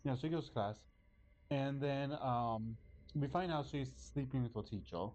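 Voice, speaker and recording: A tired young man co-hosting a podcast, recapping slowly with lots of ums. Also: mid-range voice, a little mellow, muffled recording, faint music behind. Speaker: podcast co-host. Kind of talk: casual chat.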